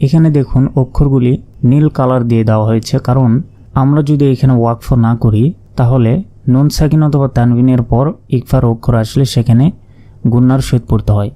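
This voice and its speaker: Teaching how to recite the Quran, a Bangladeshi Bengali-accented man breaks every word down letter by letter at a slow, methodical pace. He has a mellow, medium-pitched voice.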